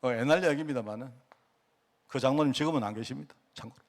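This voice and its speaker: A man's voice: medium pitch, quick pace. A pastor preaching a sermon. He asks the congregation many rhetorical questions and acts out the dialogue he quotes.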